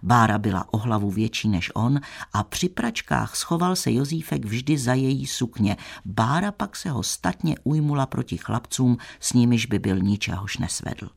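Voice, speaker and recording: A man narrating a classic tale in a measured, old-fashioned storytelling manner. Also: fairly low pitch, vocal fry, breathy edge. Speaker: audiobook narrator.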